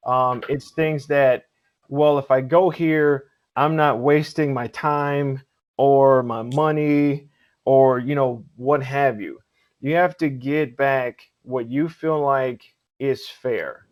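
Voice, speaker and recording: A man's voice: medium pitch, takes it slowly. A man who hosts and judges cosplay contests, chatting casually in an interview and repeating his points for emphasis. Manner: relaxed and chatty, acts out quoted exchanges; earnest advice-giving, repeats for emphasis.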